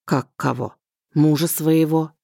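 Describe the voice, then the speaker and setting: A woman reading an audiobook, voicing a kindly elderly aunt who speaks softly and fondly. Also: deep voice, steady tone, takes it slowly, gravelly, dry recording, clean studio sound, exaggerated voice. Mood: tender. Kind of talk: audiobook character voice.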